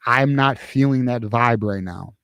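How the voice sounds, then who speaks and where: A man's voice: mid-range voice, unhurried, a bit bright, smooth, no room sound, studio quality. A man hosting a postgame sports talk show, ranting casually with profanity and frequent restarts. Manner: profane, heated, rambling with many restarts. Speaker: podcast host.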